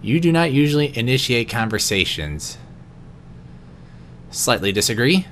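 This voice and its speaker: A man reading personality quiz questions aloud in an unscripted vlog, answering each one in a quieter, lower voice with the odd stumble. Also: sing-song, a little slow, slight background noise. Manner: occasional stumbles and restarts. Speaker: vlogger.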